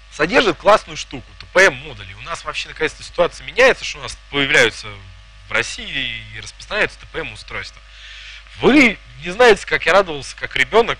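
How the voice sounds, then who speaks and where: Bright and forceful at a medium pitch, this conference presenter in his thirties delivers a technical talk live, cracking jokes and quizzing his audience. He speaks in a conference hall with a projector screen.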